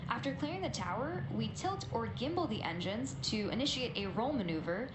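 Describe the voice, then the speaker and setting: Female launch commentator, fairly high voice, fluent explanatory delivery, roomy echo, faint background noise. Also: lively intonation, a little fast.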